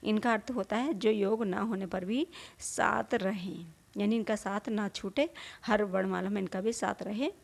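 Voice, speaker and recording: Speaking a little slowly in a gravelly, mid-range voice, a woman patiently walks through Hindi grammar, going over points again, asking rhetorical questions and voicing the vowels herself.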